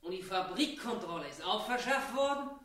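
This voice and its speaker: A man's voice: high-pitched, expressive, moderate pace, pushed and bright. A man playing a worried factory worker who grumbles uneasily in a stage drama. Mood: uneasy. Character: worried factory worker fretting about police. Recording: distant roomy stage, faint hiss.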